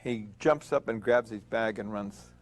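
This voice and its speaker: An older veteran in an interview, telling a war story in a plain-spoken, reflective way. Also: male voice, fairly low pitch, a little slow, a little hiss or hum.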